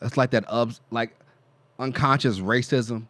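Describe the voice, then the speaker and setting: A man co-hosting a reaction video, talking in animated slang with laughs in casual commentary. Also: medium pitch, a little slow, dry recording.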